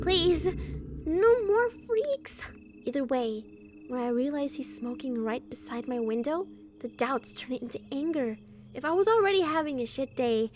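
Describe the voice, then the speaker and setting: A woman's voice: sits high, a little hiss or hum. A young woman streamer reading a story game aloud, playful and laughing between lines.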